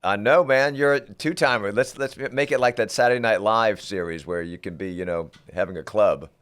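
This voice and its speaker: A man's voice: lowish voice, a little fast, fairly bright tone, clear, resonant tone. A man hosting a talk show, chatting with his guests in an upbeat, playful way. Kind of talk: casual interview chat.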